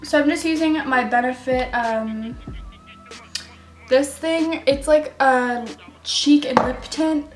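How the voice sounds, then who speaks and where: A woman's voice: sits high, slow. A young woman telling a story while doing her makeup, rambling and giggly with lots of fillers. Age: young adult. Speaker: beauty vlogger. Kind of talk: chatty get-ready-with-me storytelling. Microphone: camera mic. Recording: echoey room with faint music.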